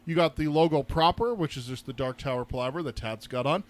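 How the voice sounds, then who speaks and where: A man's voice: on the high side, fast. A man co-hosting a podcast, speaking in a casual, informal, teasing way. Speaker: podcast co-host.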